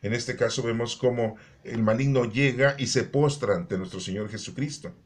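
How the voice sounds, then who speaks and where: A man's voice: medium pitch, moderate pace. A man explaining the day's Bible readings in a casual, joking way, with asides and rhetorical questions. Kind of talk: conversational Bible commentary.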